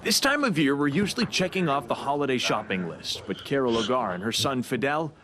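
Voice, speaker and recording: A male TV reporter voices a scripted news story. His pitch swings widely in a dramatic storytelling delivery, sitting in a middle register overall. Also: lively intonation, fairly quick, fairly bright tone. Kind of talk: scripted news package narration.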